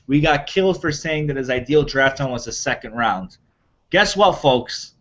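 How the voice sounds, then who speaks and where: A man's voice: medium pitch, brisk, fairly bright tone. A man co-hosting a football draft podcast, chatting casually and running through the latest picks. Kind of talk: casual sports talk. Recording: dull lo-fi recording.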